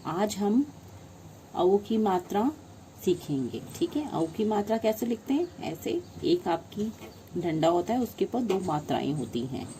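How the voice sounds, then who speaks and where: A woman's voice: medium pitch, very animated, moderate pace, dark tone, a little hiss or hum. A woman teaching young children in an online class, patiently sounding out letters one syllable at a time and calling them by affectionate names. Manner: affectionate, calls the children "beta". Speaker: primary school Hindi teacher.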